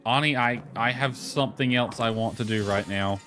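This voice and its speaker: A gaming streamer gives informal commentary at a normal speed in a mid-range, fairly bright voice, muttering asides to himself and reading game dialogue aloud. Music plays in the background.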